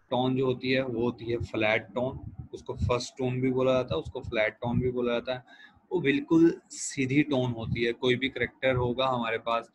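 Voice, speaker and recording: A man giving a recorded lecture as a language teacher, explaining pronunciation step by step and repeating each sound slowly for students to copy. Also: medium pitch, breathy edge, low-quality recording.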